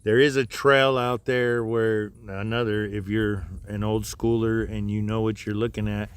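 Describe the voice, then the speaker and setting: A man's voice: on the low side, little pitch movement, unhurried, clean tone, no echo. A man hosting a casual outdoor live stream, talking in a loose, rambling way with many asides and restarts. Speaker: livestream host. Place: outdoors near wind turbines, breezy.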